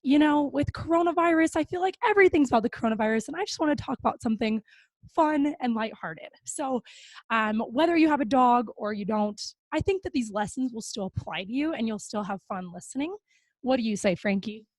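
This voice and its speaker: A woman's voice: on the high side, lively intonation, fairly quick, dry recording. A young adult woman hosting a podcast in casual chat, upbeat and talkative with plenty of fillers. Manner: upbeat and chatty, with frequent fillers. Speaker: podcast host. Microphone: close podcast mic.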